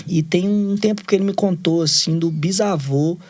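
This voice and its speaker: A man's voice: sits high, moderate pace, a little mellow. Rambling Brazilian man telling stories. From Brazil, raised in Minas Gerais. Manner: rambling storyteller, fills every phrase with "né" and "assim". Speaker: musician guest. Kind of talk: casual interview chat.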